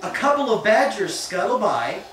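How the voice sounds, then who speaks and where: Woman, storybook narrator, slow expressive reading, distant home video, roomy, noisy background. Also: medium pitch. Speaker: narrator of a children's play. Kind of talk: reading a picture book aloud to children. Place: home birthday party, indoors.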